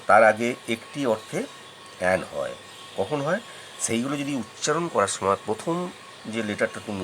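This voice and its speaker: Lowish-voiced man teaching grammar patiently. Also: fairly bright tone, a little hiss or hum, rough recording. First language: Bengali. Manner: patient, repeats examples, asks checking questions. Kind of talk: explanatory grammar lesson.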